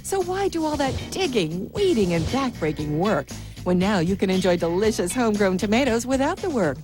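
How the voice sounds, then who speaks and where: A woman announcer giving an enthusiastic, urging infomercial sales pitch. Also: sing-song, a little fast, a little mellow. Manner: enthusiastic, urging hard sell. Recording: music bed behind the voice.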